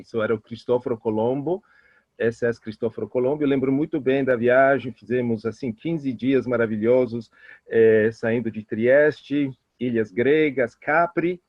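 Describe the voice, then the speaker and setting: A middle-aged Italian man with an Italian accent and medium pitch speaks as a guest expert, answering interview questions with personal stories. He's a fast, animated talker full of hesitations and restarts, and the lo-fi audio is muffled but free of echo.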